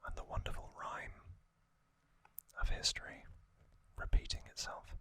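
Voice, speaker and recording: In this ASMR video, the man narrating stays close to the mic in a soft, airy whisper. His tone is reflective and tender, and he lets pauses linger.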